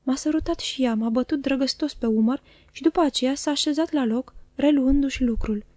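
A woman reading a novel aloud in calm, even storytelling narration. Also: high-pitched, no room sound, clean studio sound. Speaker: audiobook reader.

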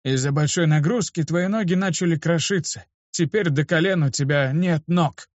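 A man doing a creaky old grumpy mage. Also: a little high, normal speed, no echo, pitched above the performer's own voice, close to an everyday voice. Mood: sorrowful. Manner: gruff, scolding. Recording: dull lo-fi dry recording.

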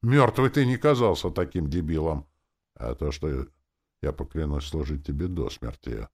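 A man's voice: a bass voice, lively intonation, normal speed, darkish tone, exaggerated voice. A man voicing a stubborn, pushy old soldier captain in an audiobook, insistent and repeating his demands. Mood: pleading. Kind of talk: audiobook character voice.

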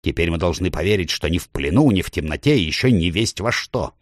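Man doing surly stubborn dwarf, growling, gruff and low, dry sound. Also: expressive, fast, no room sound. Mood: indignant. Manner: growling, snapping. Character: grumpy suspicious male dwarf, stubborn and rude.

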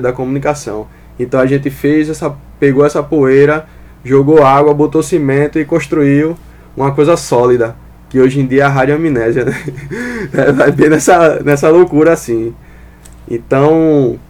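A thoughtful man, a guest on a radio show, reflecting on art and community in a steady, building way. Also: medium pitch. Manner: thoughtful, builds lists of phrases.

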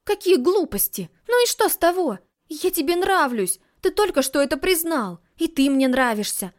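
Blunt passionate young heroine as a woman reads her, emphatic, high bright pitch, audiobook. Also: lively intonation, slow pace. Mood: exasperated. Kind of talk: audiobook dialogue reading.

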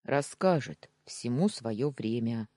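A woman voicing a confident, protective young man who talks in a low purring tone. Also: lively intonation, slow pace, dark tone, no room sound, studio quality, exaggerated voice. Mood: soothing teasing.

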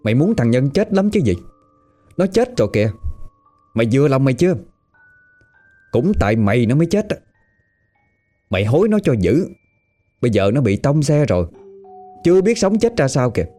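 A man voicing an enraged friend who yells and curses at a woman. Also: medium pitch, very animated, normal speed, long pauses, faint music behind, pitched above the performer's own voice. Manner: yelling, cursing. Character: furious grieving male friend.

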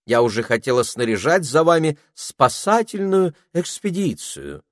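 A man's voice: on the high side, very animated, normal speed, no room sound, clean studio sound, pitched above the performer's own voice. A man voicing a vain, sulky female spider housekeeper in an audiobook, plaintive and reproachful. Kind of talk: audiobook character voice.

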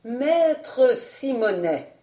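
A woman's voice: a little high, very animated, extremely slow, warm tone, echoey room, pitched above the performer's own voice, full character voice. A woman voicing a dignified, ironic old peasant woman who speaks sharply. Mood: sardonic.

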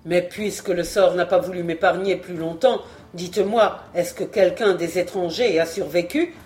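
Grieving proud warrior king, done by an audiobook reader, lamenting, emphatic, middle pitch. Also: moderate pace, a little mellow, faint music behind, lightly acted. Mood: despairing. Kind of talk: audiobook reading.

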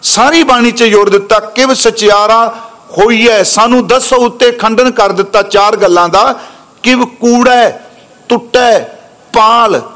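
Guy giving a religious talk, fairly high voice, draws out the verses slow then chats through the meaning. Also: fairly even intonation, a bit bright. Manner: chants quoted verses slowly, then explains in quick conversational speech; addresses listeners respectfully, correcting pronunciation. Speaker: Sikh preacher. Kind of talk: scriptural exposition sermon.

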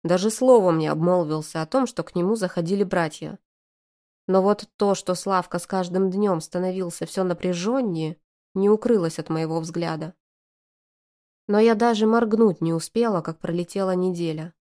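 A woman reading a first-person novel aloud in a lively, sarcastic manner. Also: fairly low pitch, moderate pace. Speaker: audiobook narrator.

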